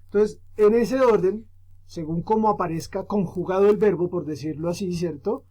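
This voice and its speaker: A male teacher giving a grammar lesson, explaining patiently, often checking in with "¿cierto?" and filling pauses with "eh". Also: high voice, warm tone. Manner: explanatory, frequent "¿cierto?" tag questions; fillers "eh" and restarts while explaining. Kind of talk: recorded grammar lesson for students.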